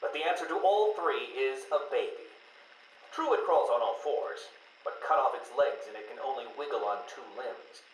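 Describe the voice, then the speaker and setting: An actor playing a smug, arrogant genius villain in a game, theatrical and precise with drawn-out emphasis. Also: male voice, mid-range voice, echoey room, slight background noise, natural voice, low-quality recording. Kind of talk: video game voice acting.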